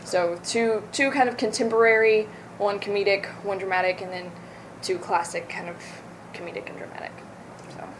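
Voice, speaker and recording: Heard against a noisy background, a young actor from the American South talks at a moderate pace in a fairly even, mid-range voice. She's loose and casual in this interview, often laughing and catching her own mistakes.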